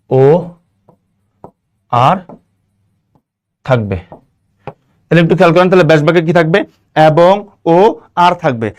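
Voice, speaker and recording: Young male teacher from Bangladesh, slightly high voice, drills exam grammar with constant repetition and check-ins. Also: a little mellow. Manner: repetitive, checks understanding often. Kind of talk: grammar lesson for exam students.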